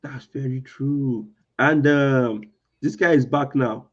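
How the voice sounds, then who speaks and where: A man hosting a casual football chat in a tinny voice with no bass, hesitant and full of fillers and restarts. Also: steady tone, slow pace. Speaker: podcast host. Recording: thin lo-fi audio lacking bass.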